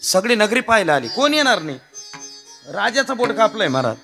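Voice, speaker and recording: A man with a Marathi accent delivers a devotional kirtan sermon in a high, swooping voice with a bright, gravelly edge. He jokes with the crowd, calls them maharaj and pushes them to shout answers back, while a plucked string instrument plays faintly behind him. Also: very animated, brisk, faint music behind. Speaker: kirtan preacher.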